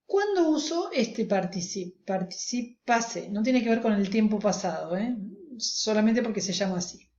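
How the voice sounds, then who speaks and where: A woman's voice: mid-range voice, animated, normal speed, few pauses, a little mellow. A woman teacher giving a recorded grammar lecture, explaining step by step and often checking in with her students. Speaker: language teacher. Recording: roomy, dull lo-fi recording.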